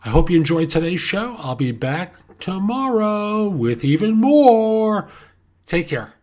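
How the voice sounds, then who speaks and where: This man's voice sits high, with big pitch swings and a darkish tone, and he talks a little slowly. Hosting a career advice podcast solo as a job search coach, he explains things step by step and asks rhetorical questions, then answers them.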